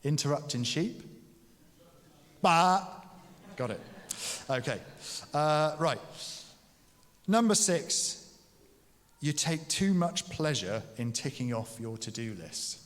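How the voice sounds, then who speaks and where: A man preaches a sermon, keeping it conversational and jokey. His mid-pitched voice carries a long reverb from the church around him. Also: animated, slow, long pauses. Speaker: pastor.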